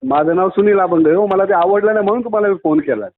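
A man from Maharashtra calls to voice his disapproval, staying persistent while politely calling the other man sir. His voice sits fairly high, and the phone line makes it sound thin and narrow. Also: quick pace. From Maharashtra, India. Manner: persistent, polite but critical, addresses him as sir. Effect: heard over a phone line. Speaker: caller. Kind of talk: phone complaint call.

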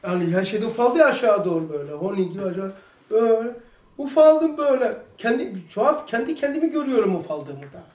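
A man giving a religious lesson to a small circle, telling stories in an animated, emphatic way. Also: sits high, fast talker. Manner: animated storytelling, emphatic outbursts. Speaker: religious study teacher. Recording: echoey room, mic far off.

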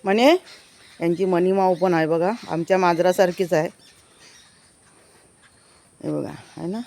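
A woman's voice: lowish voice, a little slow, vocal fry, mellow. Eager woman giving a village walking tour. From Konkan, India. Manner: enthusiastic, keeps urging viewers to look. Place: outdoors in a village, walking between houses. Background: birds chirping.

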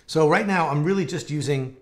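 Speaking fairly quickly in a fairly high voice, a man in his forties leads a live-streamed guitar lesson from a home music room hung with guitars. His dry throat gives him a little gravel, and he stays easygoing and conversational, gesturing and demonstrating as he explains.

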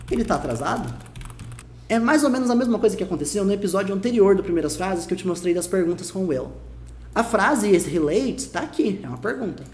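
A Brazilian man with a Brazilian Portuguese accent teaches English in an online video lesson. His voice is dark and mellow, and he explains patiently, repeating each example and saying the English phrases slowly and carefully. The recording carries a roomy echo. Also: sits high, slight background noise.

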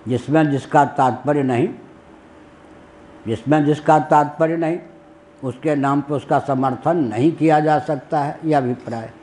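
A man giving a slow, unhurried religious discourse on scripture, chanting Sanskrit lines and chuckling at his own stories. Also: on the high side, a little mellow, slight background noise.

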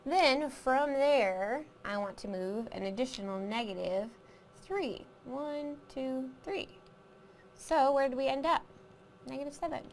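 A woman's voice: high-pitched, expressive, unhurried, slight background noise. A woman teaching a recorded math lesson, explaining step by step, counting aloud and asking the class questions.

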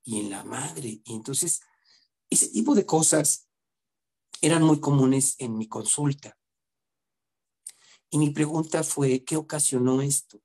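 A middle-aged man, a therapist earnestly telling a story from his practice and often pausing to seek agreement. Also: on the high side, animated, warm tone, breathy edge. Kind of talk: storytelling talk.

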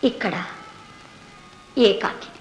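A young actress playing a weary, bitter second wife giving quiet, resigned answers in court. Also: female voice, extremely slow. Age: young adult. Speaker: witness in court. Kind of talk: 1970s Telugu film acting. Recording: echoey old film soundtrack with music.

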